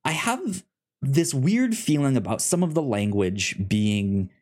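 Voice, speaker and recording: On a laid-back comic-book podcast, this young male co-host talks in a medium-pitched, sing-song, slightly mellow voice. He keeps stammering, restarting, and dropping fillers.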